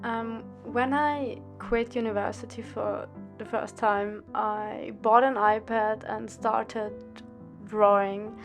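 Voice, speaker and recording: A woman's voice: a little high, slow, over music. A woman of twenty-one from Austria, narrating a drawing video in a careful, scripted way. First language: German. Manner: careful, steady, read-out delivery. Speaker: art student and drawing channel host.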